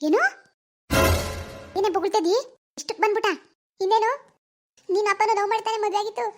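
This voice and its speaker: Cartoon mother, enraged, voiced by a woman, very high and shrill, rattles off insults at speed. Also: steady tone, soft background music. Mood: angry scolding. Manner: shrill, rapid scolding with insults. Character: furious village mother scolding her teenage daughter.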